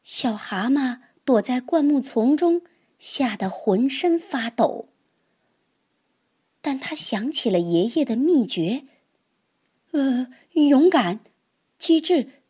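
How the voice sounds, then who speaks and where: A woman reading a children's story aloud, slow and expressive. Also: fairly high pitch, slightly rough.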